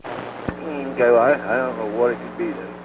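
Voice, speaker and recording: A man comes through a gritty vintage carbon microphone, sounding thin and tinny like a phone line over the radio. There is a steady hiss of static around his words. He keeps his check-in short and procedural. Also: medium pitch, normal speed. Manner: brief, procedural, ends turns with "over". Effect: gritty old carbon microphone sound. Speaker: radio net check-in operator. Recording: tinny radio transmission with clear noise.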